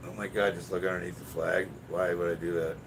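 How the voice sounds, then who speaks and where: A man with a raspy, smoker-like voice chatting casually and bluntly on a livestream about his workout, swearing and bantering with commenters. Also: deep voice, flat delivery, a little fast. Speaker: livestreamer lifting weights. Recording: distant mic with loud background noise.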